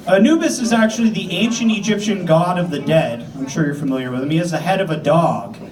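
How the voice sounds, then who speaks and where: A man's voice: fairly high pitch, fast, distant mic, crowd noise. A man from the South Shore of Massachusetts doing a stand-up comedy set in a club, crude and rambling, laughing at his own jokes.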